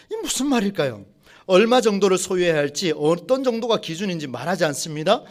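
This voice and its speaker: A man preaching a sermon to his congregation, asking them questions and slowing down to read scripture aloud. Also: high-pitched. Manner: slows and rises when reading scripture aloud. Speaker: pastor.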